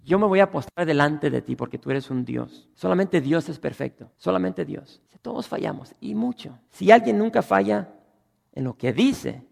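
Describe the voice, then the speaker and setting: A male pastor delivers a sermon. His voice is strongly gravelly and sits a little high. He often restarts his phrases and swells into loud, emphatic stretches, with a long reverb from the church hall. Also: animated, normal speed.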